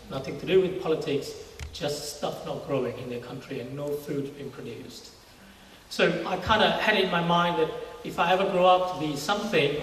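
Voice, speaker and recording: A university research scientist from Singapore, middle-aged and male, describes his work as a guest in an informal testimony interview indoors in a big church hall. His pitch is a little high, and his conversational speech comes in halting phrases. The recording is very echoey and slightly noisy, captured from a distant mic.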